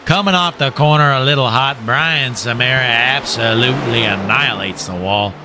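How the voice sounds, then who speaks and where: A man's voice: medium pitch, moderate pace, noisy background. A young man giving folksy play-by-play commentary on a sim race, joking and calling to "folks", while losing his voice.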